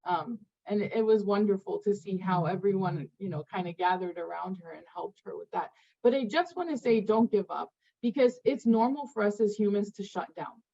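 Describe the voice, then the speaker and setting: A middle-aged woman presenting in an online session, telling a personal story in a lively, expressive way. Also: medium pitch, a little fast, creaky. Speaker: presenter, parent. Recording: muffled lo-fi audio.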